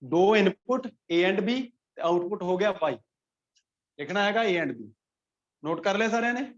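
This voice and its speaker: A man's voice: sits high, lively intonation, a little slow. A man with a Punjabi accent teaching a physics class, quizzing students by name and repeating key points. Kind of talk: classroom lecture. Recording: dull lo-fi classroom recording.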